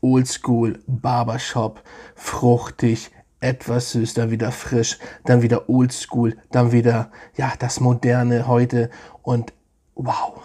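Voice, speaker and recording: Husky-voiced man reviewing perfumes casually. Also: medium pitch, completely flat delivery, slow pace, warm tone. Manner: enthusiastic, repeats words like 'sehr, sehr nice'. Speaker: fragrance reviewer.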